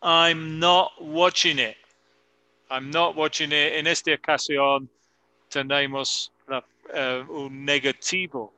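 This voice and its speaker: A man teaching English grammar in Spanish to students on a video call, slowly repeating example sentences to model pronunciation. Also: medium pitch, sharp tone, clear, resonant tone, no echo. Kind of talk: online class explaining grammar.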